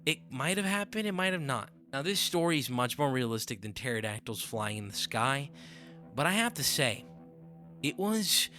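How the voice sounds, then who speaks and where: A man's voice: mid-range voice, bright, forceful tone. A man narrating a story in a conversational, offhand manner with sudden upward swoops. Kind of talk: reading a story aloud.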